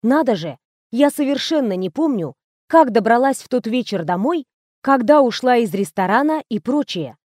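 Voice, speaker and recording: A woman reading a first-person novel aloud in a calm, wry manner. Her voice is high for a woman. The sound is dry and close to the mic. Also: moderate pace, no echo. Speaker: audiobook narrator. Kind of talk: first-person audiobook narration.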